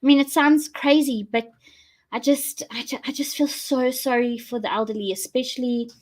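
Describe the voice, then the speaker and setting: A woman's voice: high voice, steady tone, moderate pace, a little mellow. A South African woman hosting a casual live chat for her viewers, rambling and thinking aloud as she goes. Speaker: host of a live online show.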